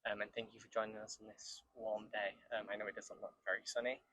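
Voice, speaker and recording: A man's voice: lowish voice, fast, slight background noise. A man who works in a university international office, hosting a casual student interview with frequent ums. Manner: relaxed, many ums and kind ofs. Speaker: international office staff host.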